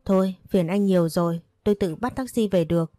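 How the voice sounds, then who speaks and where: A protective young mother who frets over her small daughter, as a woman narrator voices her. The tone is mellow and soft-edged. The storybook recording sounds dry and close. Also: medium pitch, fairly quick, no echo, natural voice. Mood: reserved.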